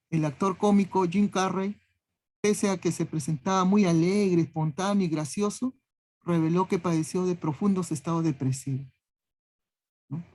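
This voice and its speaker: A man's voice: sits high, darkish tone. A man teaching a class, listing ideas one word at a time and checking in with a questioning "¿no?" after nearly every phrase. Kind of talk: classroom lecture.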